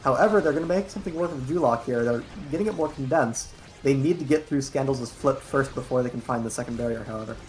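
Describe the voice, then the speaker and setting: A co-caster calling an esports match live in a steady, explanatory way. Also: mid-range voice, quick pace, low-quality recording. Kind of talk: live play-by-play commentary.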